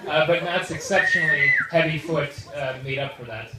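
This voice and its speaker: A Canadian man gives an informal, humorous wedding toast as best man. His voice sits a little high and comes with halting pauses. He is recorded at a distance in an echoey, very noisy room. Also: a loud crowd. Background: loud audience noise and laughter.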